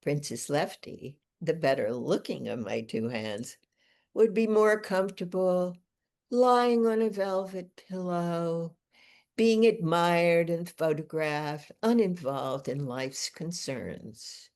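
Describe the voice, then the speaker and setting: A woman, the featured poet, reading her own poetry aloud in a measured, deliberate way. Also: on the low side, a little mellow. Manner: slow, deliberate, measured delivery.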